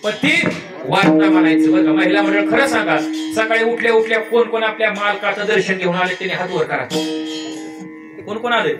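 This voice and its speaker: High-voiced man preaching a playful kirtan. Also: fairly quick. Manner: playful, teasing the audience with questions. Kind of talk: devotional kirtan sermon with storytelling. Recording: echoey and distant, live hall with music.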